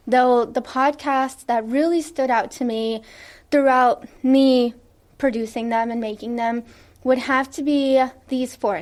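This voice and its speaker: A woman in her late twenties speaks as a guest on a radio interview, her voice pitched high. She talks enthusiastically, laughing now and then and leaning on fillers. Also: darkish tone. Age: late 20s. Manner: enthusiastic, giggly, with frequent fillers. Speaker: podcast founder and guest.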